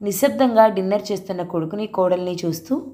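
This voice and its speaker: A woman reads a scripted audio story aloud at a measured, reflective pace. Her voice is mellow and darkish, her pitch sits in the middle of the typical female range, and she lets each sentence settle before moving on.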